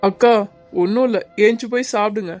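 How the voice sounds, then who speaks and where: A kind young village woman in a cartoon drama, calming an upset friend, voiced by a woman. Her voice sits fairly high and earnest. Music plays softly behind. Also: brisk, lightly acted. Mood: soothing. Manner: soothing, earnest.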